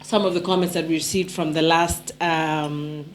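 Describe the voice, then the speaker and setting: A woman's voice: deep voice, fairly even intonation, normal speed, a little hiss or hum. A woman co-hosting a podcast, chatting casually and thanking listeners. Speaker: podcast co-host. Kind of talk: casual group chat.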